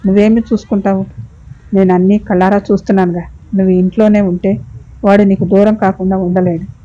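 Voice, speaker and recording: A woman's voice: mid-range voice, level tone, fairly quick, dark tone, lo-fi sound, close to an everyday voice. A woman voicing a stern, angry middle-aged mother-in-law who scolds harshly. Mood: angry scolding.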